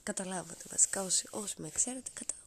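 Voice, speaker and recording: A woman's voice: medium pitch, gravelly, a bit bright, slight background noise. A young woman hosting a podcast in a casual, rambling, sarcastic monologue that often drops to a whisper, her voice congested after a cold. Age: young adult. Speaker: podcast host.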